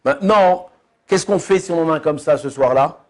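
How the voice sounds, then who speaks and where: A man's voice: fairly high pitch, brisk. A man giving an informal religious lesson as a rabbi, who speaks in a chatty way and keeps asking his listeners questions. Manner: chatty, asks listeners questions, lots of restarts. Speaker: rabbi teaching a class.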